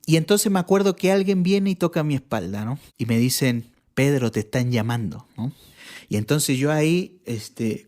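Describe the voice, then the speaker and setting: A man's voice: mid-range voice, a little mellow. A man from Chile, a podcast guest, telling a personal testimony in casual conversation, earnest and reflective, often restarting his sentences.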